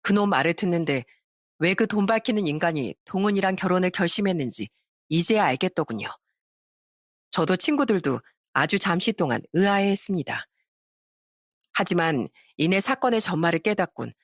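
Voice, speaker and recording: A young woman narrating a dramatic first-person story with a mocking, lively delivery. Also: lowish voice, no room sound, studio quality.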